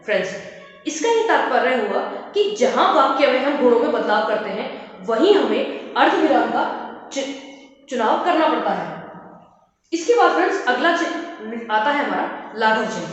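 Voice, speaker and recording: A woman teaching a grammar lesson who keeps calling her viewers "friends" and explains each point slowly with examples. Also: on the high side, very animated. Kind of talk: classroom-style grammar lesson. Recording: echoey, dull lo-fi room recording.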